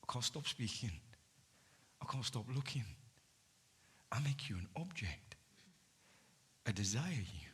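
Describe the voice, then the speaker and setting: An actor playing an ardent male poet on stage, pouring out love in hushed, intimate tones that swell to fervor. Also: medium pitch, lively intonation, unhurried, pauses often. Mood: fervent. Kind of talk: staged theatre performance.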